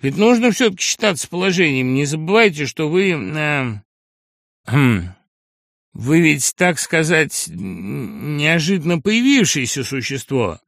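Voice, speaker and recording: A man's voice: fairly high pitch, sing-song, a little slow, a bit bright, dry recording, studio quality, exaggerated voice. A man playing an exasperated older professor. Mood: uneasy, formal. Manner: exasperated, hesitant, formal. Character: irritable eminent older male professor. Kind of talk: audiobook character reading.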